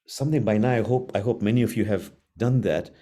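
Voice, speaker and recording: Middle-aged guy teaching a spiritual class, warm mellow voice, slow and earnest, lots of repeating. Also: on the low side. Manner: slow, earnest, repetitive phrasing with long pauses. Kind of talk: gentle spiritual class talk.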